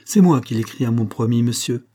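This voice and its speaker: A man's voice: mid-range voice, lively intonation, brisk, mellow, lightly acted. A man voicing a proud defiant peasant girl.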